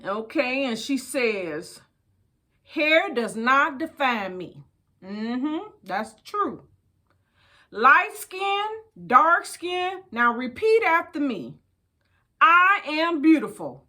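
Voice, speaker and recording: Her voice is high and very animated, with drawn-out words and a sharp tone. This older American storytime host mixes casual chat with reading from a book, speaking in a folksy, emphatic way, addressing listeners as babies and repeating phrases to stress them.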